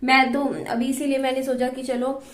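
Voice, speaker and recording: A woman's voice: high-pitched, level tone, normal speed, roomy sound. A young woman vlogging from her home kitchen, chatting in a rambling, homely way. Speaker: vlogger and mother. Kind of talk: casual chat to camera.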